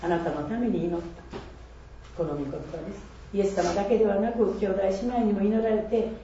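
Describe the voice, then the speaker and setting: A woman's voice: medium pitch, fairly even intonation, fairly quick, dark tone. Woman in her 60s testifying in an echoey church. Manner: earnest, reflective, quotes scripture, laughs at herself. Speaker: church member giving testimony. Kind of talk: personal faith testimony. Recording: echoey and distant, dull with faint noise.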